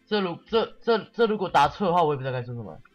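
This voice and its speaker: A man's voice: fairly high pitch, sing-song, very fast, highs cut off, soft background music. A man giving casual let's-play commentary, sarcastic and swearing often while mockingly reading the game's text aloud.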